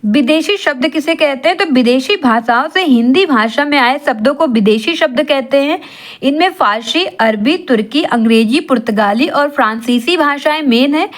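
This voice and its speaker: A woman's voice: sits high, lively intonation, moderate pace. A woman tutoring for an exam in Hindi, asking rhetorical questions and answering them herself, mixing in English terms. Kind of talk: classroom-style exam lesson.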